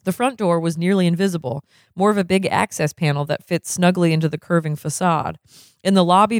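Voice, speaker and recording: Relaxed reader of a novel, dry sound. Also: mid-range voice, no echo. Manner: relaxed, breaks into laughter while reading. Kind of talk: reading a novel aloud.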